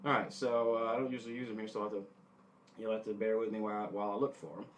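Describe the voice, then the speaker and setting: Halting low-pitched man teaching guitar. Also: little pitch movement, a little hiss or hum. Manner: halting, self-correcting, thinking aloud. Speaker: guitar instructor. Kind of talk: informal instructional demonstration with music theory. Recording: guitar playing behind the voice. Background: guitar notes being tapped.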